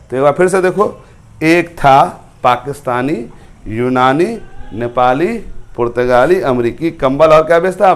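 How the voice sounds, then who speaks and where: A man teaching a chemistry class, playfully quizzing students and slowly chanting memory rhymes. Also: fairly high pitch. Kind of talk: classroom lecture with sung mnemonics.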